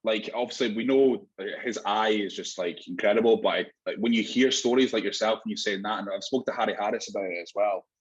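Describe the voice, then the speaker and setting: A man's voice: fairly low pitch, fast, few pauses, slightly rough, dull audio. A man with a Scottish accent hosting a podcast, talking casually with lots of "like" and the odd swear word. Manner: casual, swears, says "like" a lot. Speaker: podcast host. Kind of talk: casual chat.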